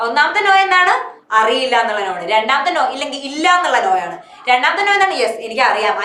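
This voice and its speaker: A woman's voice: high-pitched, fairly bright tone, roomy sound. A woman English teacher with a Malayali accent, teaching an online class and answering her own questions. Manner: asks questions and answers them herself.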